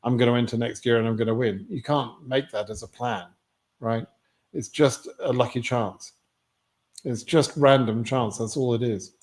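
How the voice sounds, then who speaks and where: A British man hosts a livestream Q&A on immigration lottery questions, reading viewers' messages aloud and answering bluntly and matter-of-factly. His voice is medium-pitched and a little mellow, at a moderate pace.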